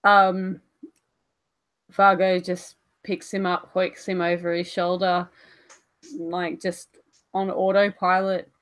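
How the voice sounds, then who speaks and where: A woman's voice: on the low side, flat delivery, takes it slowly, pauses often. A woman narrating her character's actions in a tabletop storytelling game in a matter-of-fact way.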